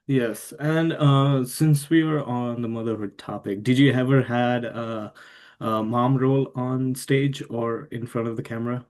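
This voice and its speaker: A man's voice: mid-range voice, fairly even intonation, a little mellow. Hesitant male interview host. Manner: hesitant, halting phrasing with many "uh"s. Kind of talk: casual interview questions.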